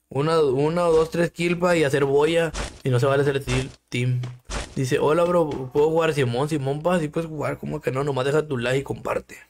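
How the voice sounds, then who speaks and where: A young man with a Mexican Spanish accent, streaming a game live, joking crudely and greeting viewers by name. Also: on the high side. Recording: noisy stream audio.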